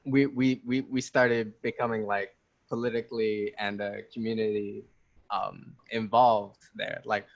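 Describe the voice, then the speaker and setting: Laid-back 19-year-old man, lowish voice. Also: little pitch movement, measured pace, lo-fi sound. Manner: joking, laughs often, rambling with restarts. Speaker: interview guest, activist. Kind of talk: casual interview chat.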